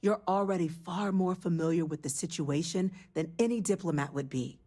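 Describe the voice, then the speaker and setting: A woman's voice: on the low side, normal speed, warm tone, lightly acted. An actress voicing a female government official in a video game, speaking in a formal, official manner.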